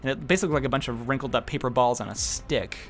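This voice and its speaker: A man's voice: medium pitch, rapid-fire. A man giving casual, joking commentary as a film's director, with self-deprecating humour.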